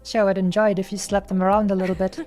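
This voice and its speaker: A woman's voice: mid-range voice, flat delivery, racing, a little mellow. A woman giving casual, playful, rambling gameplay commentary as a streamer. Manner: playful, rambling, paraphrases characters. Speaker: game streamer. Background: game music.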